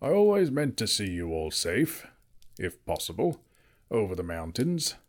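Wise, commanding old wizard, read by a man: pitched well above his own voice, emphatic. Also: big pitch swings, normal speed, darkish tone. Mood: reassuring.

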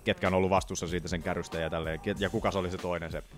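A man co-hosting a podcast in casual chat, animated and swearing freely as he tells stories with acted-out voices. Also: sits low, soft background music. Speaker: podcast co-host.

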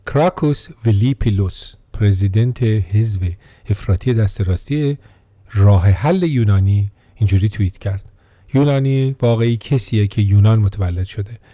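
A man reading a scripted documentary narration in a steady, measured way. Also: lowish voice, dry recording.

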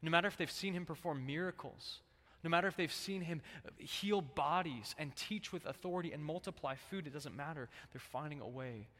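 A man preaching a sermon to a congregation. He talks in a relaxed, chatty way and jumps into animated voices when he quotes people. His voice rings out with a long hall reverb. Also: on the high side, brisk, few pauses. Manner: casual, conversational preaching with lively acted-out quotes. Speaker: pastor.

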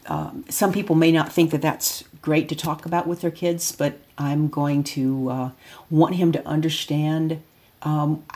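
Middle-aged woman, lowish voice, parent explaining in casual talk; thoughtful, restarts often. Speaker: parent of a child with developmental delay.

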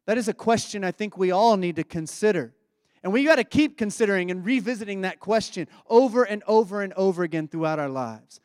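A man's voice: high voice, animated, a little fast, darkish tone, no echo, studio quality. A man preaching a reflective, conversational sermon.

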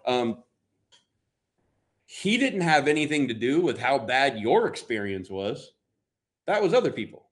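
An American man preaching a sermon in a booming motivational style, emphatic and conversational, with dramatic pauses. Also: big pitch swings.

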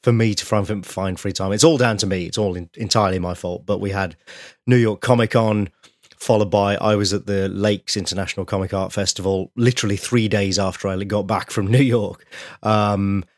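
A low-voiced man chats casually as a podcast co-host. His voice is nasal and congested from a cold, and the recording is close and dry. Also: steady tone, brisk, dry recording. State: ill with a cold. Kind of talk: casual chat.

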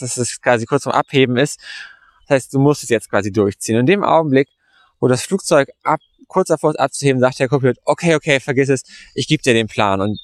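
A man's voice: mid-range voice, dry recording. Guy hosting a mindset podcast, rambling along, slangy, lots of ums and restarts, plain mid voice. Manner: rambling, heavy on fillers and restarts; colloquial, slangy. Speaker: podcast host and meditation coach. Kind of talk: casual spoken storytelling.

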